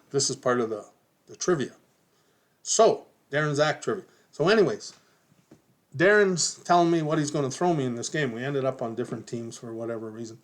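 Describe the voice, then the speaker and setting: An older man, casually reminiscing about his ballplaying days, rambling, swearing and chuckling as he goes. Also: mid-range voice. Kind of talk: casual storytelling.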